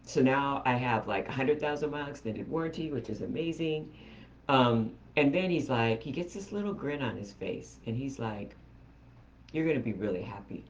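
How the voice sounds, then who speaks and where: A woman telling a story on her vlog in a chatty, animated way, talking straight to her viewers. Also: extremely low pitch, normal speed, muffled recording. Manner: chatty, animated retelling, addresses viewers directly. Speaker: vlogger.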